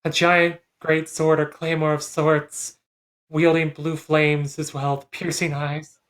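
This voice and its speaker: A woman playing a tabletop role-playing game, asking earnest, halting questions in character. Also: deep voice, little pitch movement. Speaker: player.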